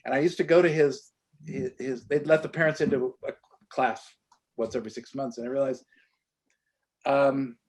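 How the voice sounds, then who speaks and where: A man being interviewed as an author, telling animated stories and often restarting his sentences. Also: medium pitch. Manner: halting, many restarts and repeated words; animated storytelling. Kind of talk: conversational interview.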